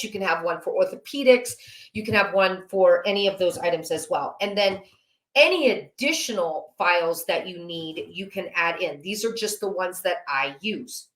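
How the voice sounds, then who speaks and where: A woman's voice: on the low side, fairly bright tone. Woman vlogger, casual how-to talk, practical and self-mocking, roomy echo. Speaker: home organizing channel host. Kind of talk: casual instructional talk to camera. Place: home office.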